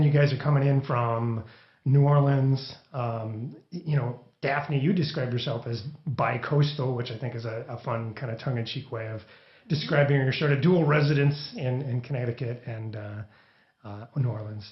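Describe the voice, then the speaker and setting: A man's voice: medium pitch, moderate pace. A man hosting a podcast interview in casual chat, rambling with many restarts. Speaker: podcast host. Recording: echoey room, dull lo-fi sound.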